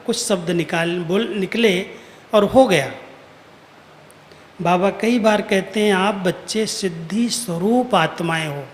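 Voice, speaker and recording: A man giving an earnest, admonishing spiritual discourse, quoting imagined listeners to make his points. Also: high-pitched. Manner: earnest, admonishing, with rhetorical quotes. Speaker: spiritual teacher. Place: large hall at a retreat. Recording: echoey hall with faint noise.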